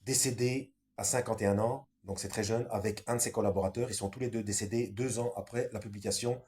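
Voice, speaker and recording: A man's voice: on the low side, fairly even intonation, a little fast, a little mellow. A man reads passages aloud on his own channel in a middle-range voice. He keeps stopping for offhand remarks, full of hesitation sounds and little tag questions. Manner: loose, with many fillers and tag questions. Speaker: channel host. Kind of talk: reading texts aloud with spoken asides.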